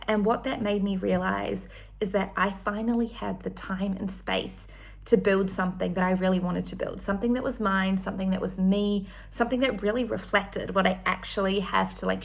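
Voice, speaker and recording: A woman's voice: mid-range voice, vocal fry. A woman in her thirties, from New Zealand, chatting enthusiastically in a casual one-take vlog with frequent ums. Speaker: vlogger.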